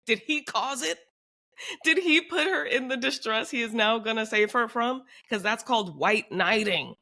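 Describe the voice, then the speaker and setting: Bright woman with emphatic rhetorical questions. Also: a little high, animated, moderate pace. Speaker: podcast co-host. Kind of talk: casual chat.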